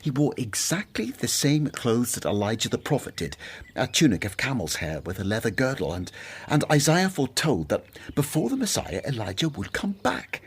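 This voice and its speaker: An actor playing Matthew, an earnest tax collector, eager and enthusiastic in a radio drama. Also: male voice, mid-range voice, big pitch swings, normal speed, slightly rough. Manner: eager, earnest, talks up ideas.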